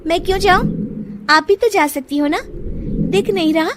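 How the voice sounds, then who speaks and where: A very high, plaintive young daughter-in-law voiced by a woman storyteller. She is feisty and sharp-tongued, with lively swoops, in a family drama tale. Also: moderate pace. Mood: angry, defiant. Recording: noisy background hiss.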